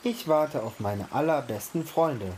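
A man reading aloud in a storybook voice for a small, gentle mouse who waits for friends, soft and kind. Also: mid-range voice, animated, unhurried, slight background noise, natural voice. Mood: content.

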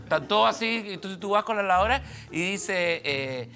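Animated Chilean man telling a funny story. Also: sits high, normal speed. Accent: Chilean Spanish. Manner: animated, acts out dialogue and sound effects. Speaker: comedian guest. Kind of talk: comic anecdote storytelling. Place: TV studio.

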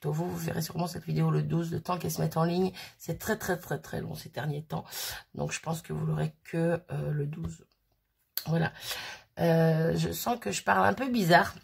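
A woman's voice: deep voice, steady tone, moderate pace, gravelly, slightly rough. A woman in her thirties chatting casually as she unboxes a birthday parcel, rambling and giggly, with a sniffly nose. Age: 30s. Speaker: crafting vlogger.

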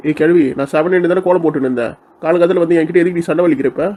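A man playing a sharp-tongued young woman who mocks and picks fights in a comic village skit. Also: a little high, racing, close to an everyday voice. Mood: mocking. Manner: mocking, insolent, picks fights.

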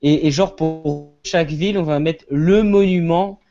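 A man with a French accent on a casual film review panel, an excitable storyteller. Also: a little high, unhurried, lo-fi sound, over music.

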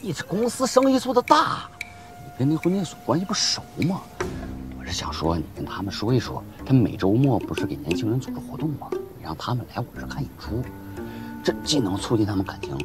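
A man acting in a TV drama as a struggling music troupe founder, wheedling and animated. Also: mid-range voice, fast. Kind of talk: TV drama dialogue.

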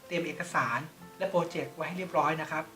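A woman's voice: deep voice, fairly even intonation, quick pace, a bit bright, soft background music, low-quality recording. A woman playing a polite, formal male company president in an online short drama. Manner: formal and polite, addresses staff courteously.

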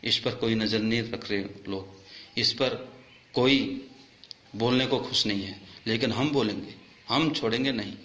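A man's voice: lowish voice, measured pace, fairly bright tone, roomy sound. A man speaking as a soldier, making an impassioned, accusing complaint that rises in anger. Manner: indignant, accusing, rising in anger.

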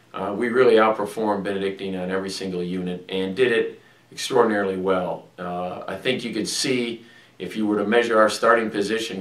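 Middle-aged man, low voice, echoey room. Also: fairly bright tone. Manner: plainspoken, with frequent restarts and "uh" fillers. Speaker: head football coach. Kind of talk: postgame remarks to camera. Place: small indoor room before a team logo backdrop. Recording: roomy echo, mic at a distance.

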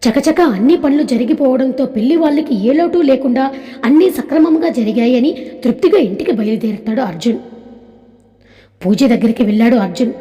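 A woman reading a scripted story aloud in a calm, even storytelling manner, with a long echoing reverb. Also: high voice.

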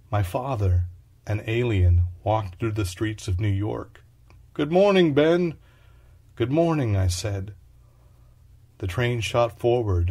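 A man reads a literary short story aloud as scripted, dramatic narration, declaiming it in an incantatory way one short phrase at a time. His voice is mid-range and a little mellow.

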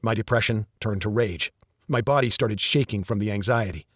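A man reading a first-person thriller audiobook in an even, measured storytelling manner. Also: on the low side, no echo, clean studio sound. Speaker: audiobook narrator.

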